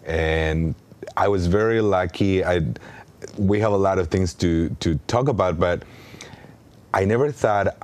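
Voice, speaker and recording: A man's voice: deep voice, measured pace, darkish tone. A man in his thirties from Mexico with a Mexican Spanish accent, a native Spanish speaker, talking earnestly as an interview guest, with frequent ums and restarts. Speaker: artistic director.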